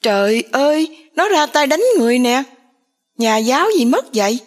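A woman voicing a quarrelsome stepmother who complains loudly. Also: moderate pace, close to an everyday voice. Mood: angry. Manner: shrill, loud, complaining.

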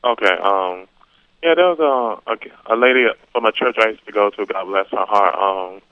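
A man's voice: on the low side, moderate pace, smooth, no room sound. A man calling in to a radio show, asking an earnest question in a hesitant way full of fillers, over a crackly cordless phone line that fades in and out. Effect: crackly cordless phone line fading in and out. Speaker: caller. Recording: tinny, dry phone line.

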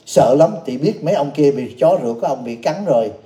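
A Buddhist monk gives a storytelling dharma talk. His voice is very dark and mellow, and he acts out each character. The talk echoes through a roomy temple hall. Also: fairly high pitch, lively intonation, fairly quick.

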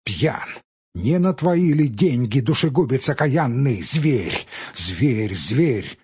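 A man voicing a desperate poor peasant man who shouts and curses in a high, strained voice. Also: big pitch swings, slow pace, breathy edge, heavily acted. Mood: raging despair. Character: desperate ragged peasant man, furious and despairing. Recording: dull audiobook recording with faint music.

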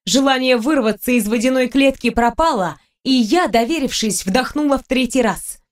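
A woman's voice: a little high, moderate pace. Woman narrating a fantasy audiobook. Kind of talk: scripted first-person fantasy narration.

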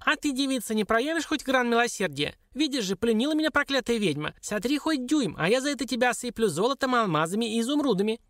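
A man reading an audiobook, voicing a sly, whiny little dwarf with a piercing, squeaky screech. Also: lively intonation, quick pace, few pauses, a bit bright, dry recording, studio quality. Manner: wailing, pleading and cursing by turns. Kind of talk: audiobook character voice.

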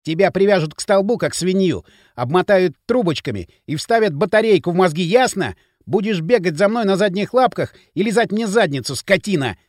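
A man's voice: high voice, lively intonation, moderate pace, few pauses, no echo, studio quality. A man playing a raging brutal gang boss. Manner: shouting threats, vicious.

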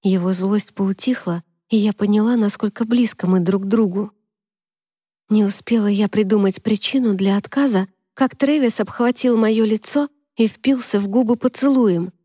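A woman reading a first-person story aloud in steady, measured scripted narration on a close mic. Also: mid-range voice, slightly rough, dry recording. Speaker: audiobook narrator.

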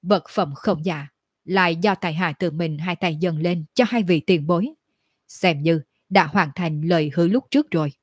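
A woman voicing a calm, cunning young male cultivator who speaks politely and composed. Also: lowish voice, moderate pace, husky, no room sound, studio quality.

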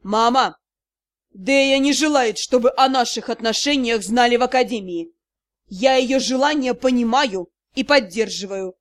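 A stern young man of rank in a fantasy storybook, clipped and icy. A woman reading the audiobook lowers her voice for him. He speaks in short, firm lines. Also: a little slow, lightly acted. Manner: icy, curt. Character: cold stern young male magister.

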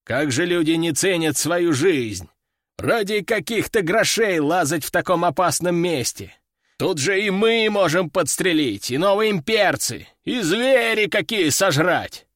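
A man voicing a gruff, short-tempered mustached army general who growls and barks orders. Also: sits high, lively intonation, unhurried, fairly bright tone, dry recording, studio quality. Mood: angry, barking.

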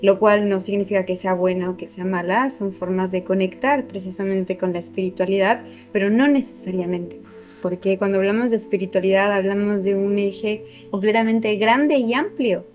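A woman hosting a spirituality radio program, speaking calmly and thoughtfully in full, articulate sentences. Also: medium pitch, moderate pace, soft background music. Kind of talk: calm spiritual reflection on radio. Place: community radio studio.

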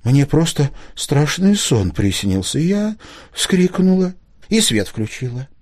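A shy, polite young schoolgirl with a light, soft voice, as a man reads her part. She speaks gently with a lively lilt over a warm, mellow tone. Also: a little high, takes it slowly, voice pushed up, full character voice.

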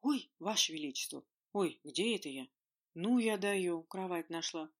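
A woman's voice: on the low side, lively intonation, a little slow. A reader voicing a sleepy, flustered young woman student who mumbles when woken.

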